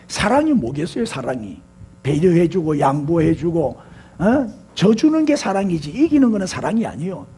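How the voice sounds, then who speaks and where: A man's voice: high-pitched, darkish tone, slightly rough. An older man with a Gyeongsang accent preaching a sermon, talking with the congregation and prompting them with rhetorical questions. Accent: Gyeongsang Korean. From Gyeongsang region, South Korea. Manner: leads the congregation in repeating phrases. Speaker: pastor.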